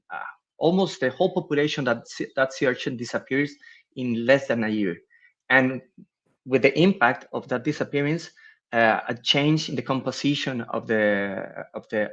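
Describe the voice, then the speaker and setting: Middle-aged man from Costa Rica, halting panel guest, lo-fi audio. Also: mid-range voice, a bit bright. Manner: halting, many repeated words and restarts. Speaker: marine biologist, panel guest. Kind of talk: panel discussion answer. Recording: lo-fi dull audio.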